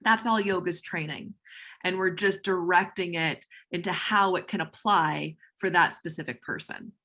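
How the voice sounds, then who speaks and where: Bright-voiced, emphatic female yoga teacher. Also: on the low side, moderate pace. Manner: energetic, emphatic teacher's delivery. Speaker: yoga instructor and trainer of instructors. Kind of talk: explaining on a call-in Q&A.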